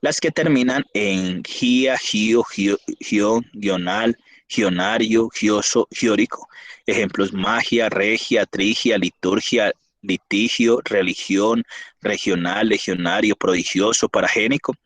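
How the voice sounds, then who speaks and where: A man lectures an online class, working through spelling rules and pausing to spell out examples. His voice sits low, and the sound is dry and close to the mic. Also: fairly bright tone, no room sound. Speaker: teacher.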